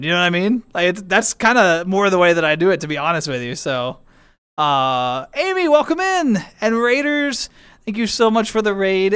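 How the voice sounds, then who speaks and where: A man's voice: sits high, fairly bright tone, no echo, clean studio sound. A young man streaming, chatting casually with his viewers in a rambling way full of restarts and fillers.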